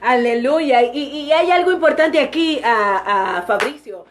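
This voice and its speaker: A woman's voice: high voice, lively intonation, measured pace, slight background noise. A woman preaching a sermon, fervent and breaking into exclamations of praise between phrases.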